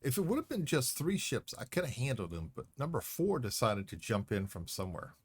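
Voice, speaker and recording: A man's voice: medium pitch, huge pitch swings, brisk, breathy edge, no room sound. A man streaming a space game, chatting casually and talking back to the game. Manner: rambling, talks back to the game. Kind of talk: casual chat while playing.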